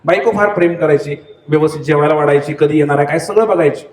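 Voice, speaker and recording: A male preacher with a Marathi accent telling a story in a sermon, acting out the characters' voices and wails with lively energy. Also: fairly high pitch, fast talker. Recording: echoey hall.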